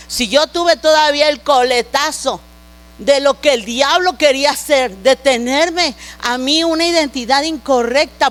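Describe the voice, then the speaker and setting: A middle-aged woman preacher with a high voice delivers an emotional testimony from the pulpit, talking directly to her congregation and building to fervent intensity. A low mains hum runs faintly beneath her voice. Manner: emotional, grows louder and more intense. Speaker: pastor and prophet. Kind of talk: sermon. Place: church.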